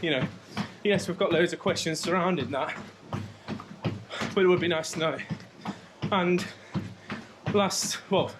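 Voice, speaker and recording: Running on his treadmill at home, a vlogger chats casually to the camera, his voice on the high side, measured and often pausing. Clear treadmill noise and clicks fill the background.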